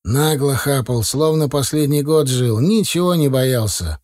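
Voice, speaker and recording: Man playing an earnest young heir, confiding, slightly raised pitch, mellow, dry sound. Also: lively intonation, measured pace, dry recording, close to an everyday voice.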